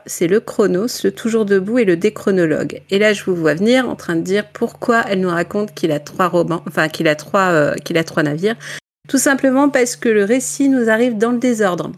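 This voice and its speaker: A woman from northern France chatting at a book club, presenting a novel with many fillers and self-mocking asides. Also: medium pitch. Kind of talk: casual book club chat.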